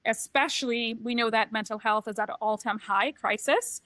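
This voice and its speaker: A middle-aged woman who grew up in Trinidad and Tobago talks through her life story on a podcast, candid and reflective. Her voice is bright and sits a little high. The sound is dry and close, with no room around it. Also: normal speed, no room sound. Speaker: podcast co-host, transition coach. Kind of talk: casual podcast chat.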